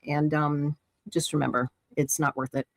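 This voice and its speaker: A woman's voice: low voice, level tone, normal speed, vocal fry, no room sound. A middle-aged woman livestreamer, rambling and talking straight to her chat with many fillers as she signs off. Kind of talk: casual stream sign-off.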